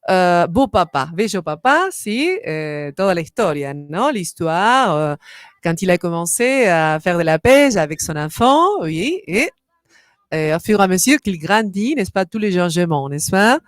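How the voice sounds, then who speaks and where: Woman, French teacher, patient explanations, animated pitch, dry recording. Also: a little slow, no room sound. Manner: explains patiently with frequent checking tags like "¿sí?" and "¿eh?". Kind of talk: online French lesson in Spanish.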